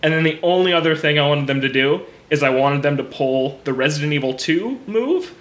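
Male guest, slightly high voice, roomy echoey sound, eager casual chat. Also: expressive, a little fast, a bit bright. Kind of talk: casual game discussion.

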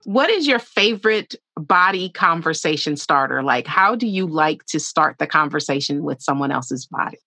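A woman's voice: low-pitched, lively intonation, normal speed, hardly any pauses, sharp tone, slightly rough, no room sound, faint music behind. A woman hosting a podcast in casual chat, laughing often between her phrases. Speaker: podcast host.

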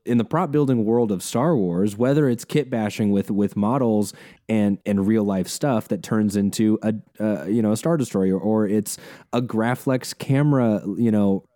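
Low, mellow male podcast co-host. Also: a little slow, no room sound, clean studio sound. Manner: animated, laughs easily, many fillers and restarts. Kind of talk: casual podcast discussion.

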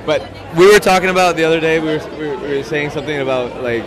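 Male podcast host, halting casual chat, busy market crowd behind him. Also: fairly high pitch. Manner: hesitant, restarts often, laughs a lot. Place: outdoor market bar, crowded. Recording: loud crowd noise around. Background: crowd chatter.

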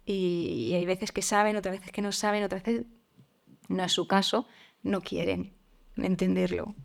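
A woman's voice: medium pitch, steady tone, measured pace, gravelly. Reflective woman guest talking openly. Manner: open and reflective, with frequent fillers and soft laughs. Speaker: podcast guest. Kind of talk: candid conversational interview.

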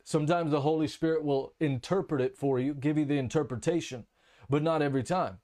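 A man's voice: on the high side, a little fast, warm tone. A man teaching a sermon and telling his own testimony in a candid, conversational way, with many restarts and fillers. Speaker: preacher.

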